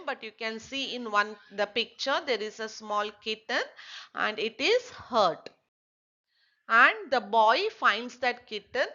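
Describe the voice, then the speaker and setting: Slow, bright-voiced teacher. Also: female voice, on the high side, muffled recording. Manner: slow, asks and answers her own questions. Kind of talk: explaining a children's textbook lesson.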